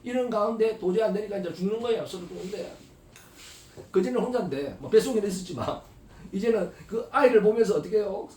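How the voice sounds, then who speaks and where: A male pastor preaching a sermon, constantly asking the congregation rhetorical questions and swinging between soft asides and loud, emphatic exhortation. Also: high-pitched, fast, a little hiss or hum. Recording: echoey hall, voice from far off.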